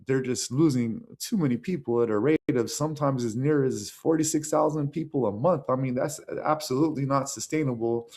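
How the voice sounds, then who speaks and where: American guy rambling to his camera, lots of uhs and restarts, mid pitch. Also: brisk, hardly any pauses, a little mellow. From United States. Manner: rambling, with many fillers and restarts; acts out the voices of others in a raised pitch. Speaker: vlogger. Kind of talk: casual monologue to camera.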